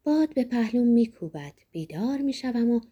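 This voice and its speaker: Soft-voiced woman reading a diary. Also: a little high, big pitch swings, slightly rough, dull audio. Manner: soft, reflective, often dropping to a near whisper. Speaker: narrator. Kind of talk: scripted narration of a literary diary.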